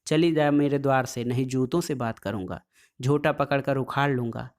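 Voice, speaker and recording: A man voicing a hot-headed village man who shouts threats, read from a storybook. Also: medium pitch, normal speed, lightly acted. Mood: furious threats.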